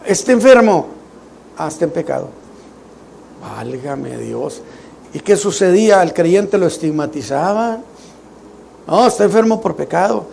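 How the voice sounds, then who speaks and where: A man's voice: sits high, expressive, unhurried, vocal fry, long pauses, darkish tone, a little hiss or hum. A middle-aged man, preaching a Sunday sermon in a conversational, joking way full of rhetorical questions. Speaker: pastor.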